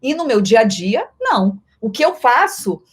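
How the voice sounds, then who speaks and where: A middle-aged Brazilian woman, a voice actress, answering viewer questions in a playful live-stream chat that often shifts in loudness and speed. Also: fairly high pitch, very animated, moderate pace, breathy edge. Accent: Brazilian Portuguese.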